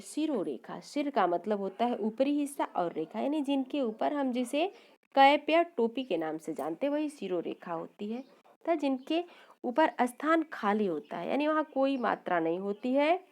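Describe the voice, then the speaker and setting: A woman's voice: a little high, a little mellow. A woman teaching a grammar lesson, sounding out letters one by one and explaining each step, now and then correcting herself. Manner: corrects herself mid-sentence. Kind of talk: slide-based grammar lesson.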